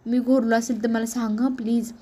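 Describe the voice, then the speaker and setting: A woman's voice: a little high, level tone, a little fast, mellow, husky. A woman voicing an anxious young husband who keeps worrying aloud and nagging with the same question. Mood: fretful. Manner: worried, nagging, talking to himself.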